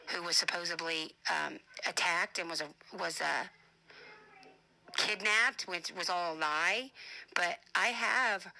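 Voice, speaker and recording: In a low-quality personal voice message, a woman who is a family advocate and show host speaks informally in a mid-range, gravelly voice that sounds pushed and bright. She's emphatic and defensive, repeating her points to drive them home.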